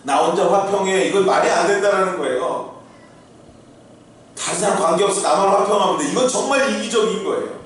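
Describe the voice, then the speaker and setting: Middle-aged man, pastor, earnest conversational sermon, high voice, heavy echo, distant from the mic. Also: brisk, a little hiss or hum. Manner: earnest, conversational preaching with rhetorical questions. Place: church sanctuary. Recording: very echoey hall, heard from far off.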